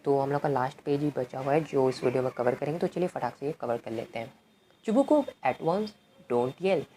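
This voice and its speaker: A woman's voice: a bass voice, fairly even intonation, fast, warm tone, slight background noise. A woman tutor explaining a play in Hindi, reading each line aloud and then explaining it conversationally. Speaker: English literature tutor.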